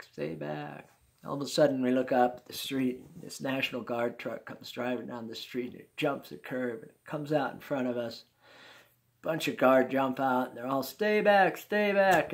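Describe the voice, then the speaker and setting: An older man in his sixties telling a personal story in a folksy, chuckling way. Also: medium pitch. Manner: folksy, chuckling, warm-hearted asides.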